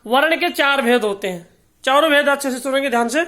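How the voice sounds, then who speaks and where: A music teacher talks through a lesson in a high-pitched voice. He explains each term slowly and repeats it, and now and then he sings out long, drawn-out sargam notes as examples. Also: pushed and bright. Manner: slow repetitive explanation, stretching out sung sargam notes. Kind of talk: spoken lesson with sung note examples.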